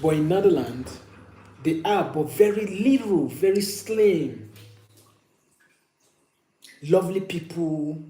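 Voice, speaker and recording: A man chats casually to a livestream, his voice fairly high for a man yet soft and mellow. He tells stories and gives opinions, circling back to repeat phrases for emphasis. The room rings with echo. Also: lively intonation, takes it slowly, pauses often. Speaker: livestream host. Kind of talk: casual live chat, sharing personal stories and opinions. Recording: echoey room with faint hum.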